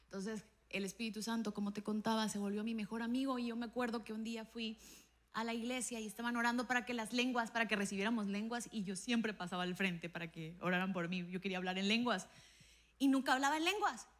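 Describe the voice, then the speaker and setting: A woman pastor preaching a sermon and telling a personal testimony, acting out the dialogue in her stories with an animated voice. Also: fairly high pitch, quick pace. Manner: animated storytelling, acts out dialogue with a raised voice.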